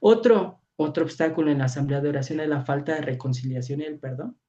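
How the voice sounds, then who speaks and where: A priest with a Mexican Spanish accent, preaching in a storytelling way, acting out voices and often asking "¿verdad?". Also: male voice, a little high, fast talker, mellow. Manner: storytelling, acts out voices, frequent rhetorical "¿verdad?". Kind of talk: preaching to a youth training session. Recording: dull lo-fi audio.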